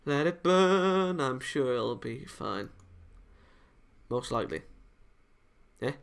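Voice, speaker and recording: A man with a medium-pitched, gravelly yet clean-toned voice reads a visual novel slowly and expressively while hosting a let's play. Background music from the game sits behind him, and he pauses for casual, joking asides that tease the story.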